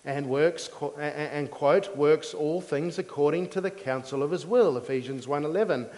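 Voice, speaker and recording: A man preaching a teaching sermon in a measured, didactic way, explaining things simply in short phrases. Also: on the high side, a little mellow. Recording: long hall reverb.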